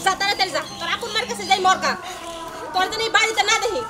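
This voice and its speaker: A woman's voice: rapid-fire, a loud crowd, heavy background noise. A woman playing a harsh, bitter village stepmother who scolds and threatens. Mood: scolding. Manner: shrill scolding, threatening, mocking. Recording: music playing under the voice.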